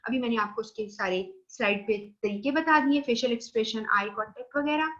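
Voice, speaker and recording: A woman's voice: fairly high pitch, brisk, fairly bright tone, highs cut off. A woman with a Pakistani accent giving a recorded online lecture. She explains slide points, mixes in English terms, and checks in with her students.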